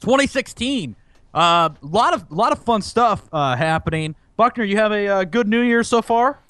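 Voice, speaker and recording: A man's voice: high-pitched, expressive, normal speed, a bit bright, clear, resonant tone, dry recording. A young man co-hosting a casual podcast, teasing his co-host with mock-dramatic complaints.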